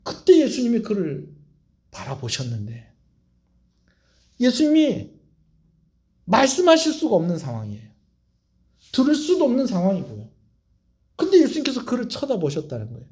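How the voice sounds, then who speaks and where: A male pastor preaching a sermon, animated and putting questions to his congregation. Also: sits high, moderate pace, long pauses.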